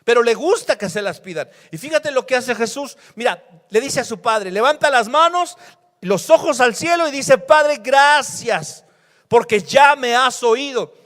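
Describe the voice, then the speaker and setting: High-voiced pastor preaching in a reverberant hall. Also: male voice, animated, moderate pace. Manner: dramatic swings between loud emphasis and hushed, quiet reading. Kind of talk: sermon.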